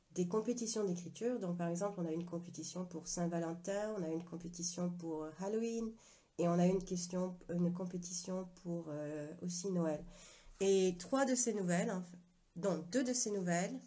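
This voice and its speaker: Speaking in a low, dark-toned voice, this woman author is on a casual live video chat from her phone. Her delivery stumbles with fillers and restarts, and her accent is an unusual one she describes as her own.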